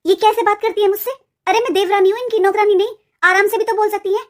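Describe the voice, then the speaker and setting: A resentful, grumbling young wife in a cartoon. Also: female voice, very high-pitched, steady tone, quick pace. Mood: indignant. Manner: sharp, sulky, grumbling. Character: nagging younger sister-in-law, resentful, complaining young wife. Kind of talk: cartoon voice acting.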